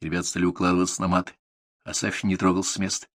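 A man calmly reading a literary story aloud as a narrator, in a measured storytelling manner. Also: low voice, no echo, clean studio sound. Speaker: audiobook narrator.

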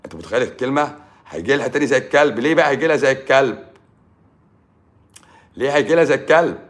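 An Egyptian man, a doctor, lecturing emphatically on a live stream and swinging between loud and hushed speech. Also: medium pitch, expressive, racing. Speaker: doctor giving advice.

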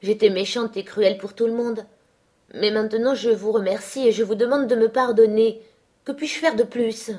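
Woman putting on a petulant young lady, high and pleading. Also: fairly even intonation, normal speed, dark tone, lightly acted. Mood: tearful. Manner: pleading and imploring. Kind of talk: audiobook character voice.

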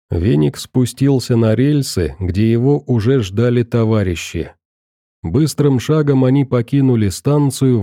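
A man narrating an audiobook in a steady, measured reading. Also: medium pitch, dry recording, clean studio sound. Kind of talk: scripted narration.

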